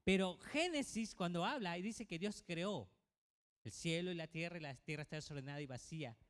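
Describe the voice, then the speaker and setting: A man's voice: on the high side, a little fast, fairly bright tone. A male pastor preaching a sermon to his congregation, asking many rhetorical questions. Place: church. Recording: reverberant church hall.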